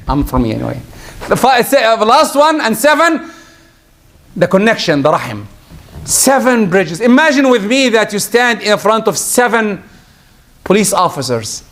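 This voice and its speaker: A preacher whose first language is Arabic gives a Friday sermon in a high voice. His preaching is lively, and he switches into quick Arabic recitation and prayers.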